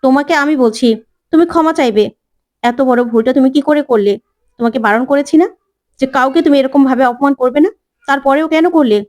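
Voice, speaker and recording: A woman's voice: high voice, fast, a little mellow, lightly acted. A woman voicing a stern old grandfather who speaks in a commanding, insistent way.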